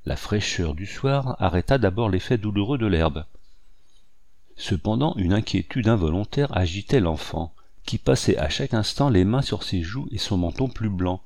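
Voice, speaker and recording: Audiobook reader: man, low voice, measured and expressive, dry close recording. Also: vocal fry, dry recording. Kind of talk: reading a classic novel aloud.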